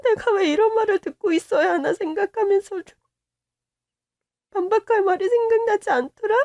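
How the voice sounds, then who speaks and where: Quiet and resigned, a young wife who has been hurt opens up to her mother in this radio-drama story, voiced by a woman. She speaks at normal speed in a high voice, and the recording is dry and close.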